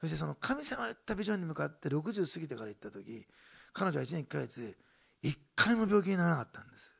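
A man's voice: a little high, very animated, fast, creaky, fairly bright tone, breathy edge. A man preaching a sermon as pastor, telling a story with emphatic stress and laughing between points.

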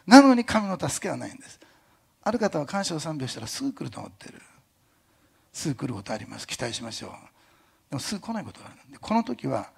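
A male pastor preaching a sermon in a lively conversational way, with jokey asides and a hint of a Kyushu dialect. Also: a little high, fast, gravelly, breathy edge. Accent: Kyushu dialect touches. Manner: animated, jokey asides, imitates other pastors.

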